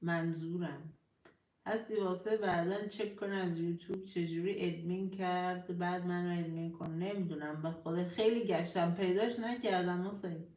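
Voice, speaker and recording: A woman's voice: on the low side, fairly even intonation, darkish tone, roomy sound. A woman hosting a casual live stream, greeting viewers by name, reading their comments aloud and laughing often.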